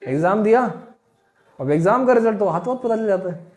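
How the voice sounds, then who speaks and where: A high-pitched man gives a motivational classroom talk to exam students. He talks in a lively way, keeps asking the class questions and acts out their excuses in quick little voices. His delivery swings between punchy and soft. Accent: Hindi-speaking North Indian. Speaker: nursing exam teacher.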